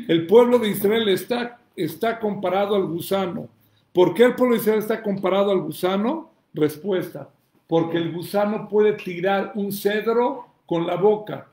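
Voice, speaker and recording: Male rabbi, fiery question-and-answer sermon delivery, high-pitched, recorded in a reverberant room. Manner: emphatic preacher, asks and answers his own questions, shouts calls to God.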